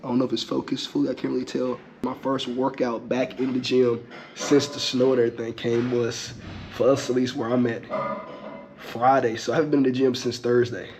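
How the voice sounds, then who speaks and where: Young man vlogging from a locker room, flat pitch. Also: fairly quick, music in the background. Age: young adult. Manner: slangy, laid-back talk. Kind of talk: casual vlog talk to camera. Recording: dull lo-fi audio, faint background noise.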